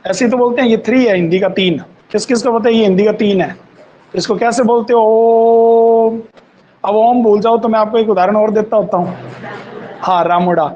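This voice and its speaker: A man teaching an online grammar class, slowly dictating definitions and repeating phrases for students to copy down. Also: high-pitched, steady tone, a little mellow, muffled recording, slight background noise. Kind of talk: online Hindi grammar lesson.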